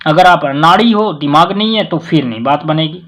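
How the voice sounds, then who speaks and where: A man with a fairly high voice explains English grammar in a relaxed, chatty way. He leans hard on key words and slips English terms into Hindi explanations. He keeps addressing his listeners politely as he goes. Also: moderate pace. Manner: stresses words loudly, mixes Hindi with English. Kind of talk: casual classroom explanation.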